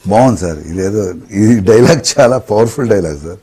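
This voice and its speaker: A man speaks in a low, dark and husky voice. He keeps agreeing respectfully, prompting his guest in casual conversation. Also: expressive, fairly quick. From India. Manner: deferential, agreeing, says "sir" often. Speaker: interviewer. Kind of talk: casual chat.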